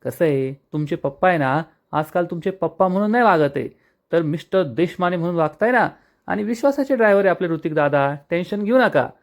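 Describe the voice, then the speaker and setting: A man reading the lines of a cheeky young husband who talks in a playful, persuasive way, at times quickly. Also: sits high, expressive.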